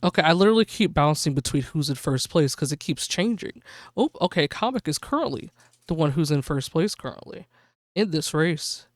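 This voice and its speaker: A woman hosting a live gaming stream, excitedly calling a race like a sportscaster for her viewers. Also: low voice, fairly quick, no room sound, studio quality. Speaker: livestream host.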